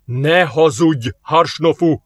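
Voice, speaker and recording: A man's voice: fairly high pitch, fairly bright tone, no echo, studio quality, lightly acted. A man voicing a stern, hostile male alien warlord in an audiobook, talking in curt commands. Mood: angry.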